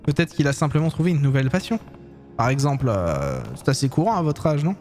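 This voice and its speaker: A man voicing a polite young male private detective in a fan dub of a game scene, courteous and measured. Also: on the high side, sing-song, darkish tone, faint music behind. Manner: courteous, measured, a few slips.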